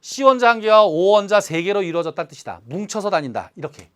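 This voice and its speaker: Animated high-pitched Korean chemistry teacher. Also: male voice. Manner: constant check-ins with students, emphatic drawn-out syllables. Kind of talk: online lecture.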